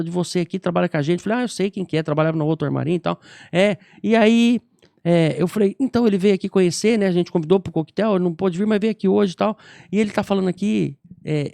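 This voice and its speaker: A Brazilian man co-hosting a church podcast, telling a personal story in lively casual chat and acting out the people in it. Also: sits high, vocal fry, dry recording, studio quality. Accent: Brazilian Portuguese. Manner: animated, acts out voices in his stories. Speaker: podcast co-host. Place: podcast studio.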